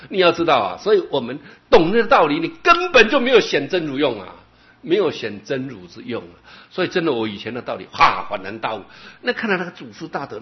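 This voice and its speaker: Man preaching buddhist sermon, very up and down voice, muffled old recording. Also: mid-range voice. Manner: emphatic, keeps asking "right?". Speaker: Buddhist teacher. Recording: dull lo-fi recording.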